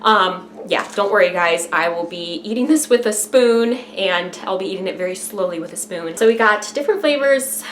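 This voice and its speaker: A woman's voice: mid-range voice, expressive, moderate pace, few pauses, a bit bright, a little hiss or hum. A woman talking casually and directly to viewers in an informal, chatty vlog style. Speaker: vlogger.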